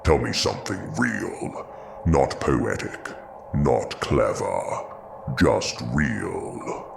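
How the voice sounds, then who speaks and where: Frankenstein's monster, extremely deep and gravelly. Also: male voice, very animated, exaggerated voice. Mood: wounded, yearning. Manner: slow, brooding, solemn. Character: Frankenstein's monster, bitter grieving philosophical male creature, ancient at heart. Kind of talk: audio drama dialogue. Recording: clearly noisy background ambience.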